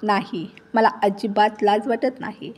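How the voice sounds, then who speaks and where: A woman voicing a cruel young husband who shouts at his wife with contempt, in a told story. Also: mid-range voice, fairly even intonation, unhurried, lightly acted. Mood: furious.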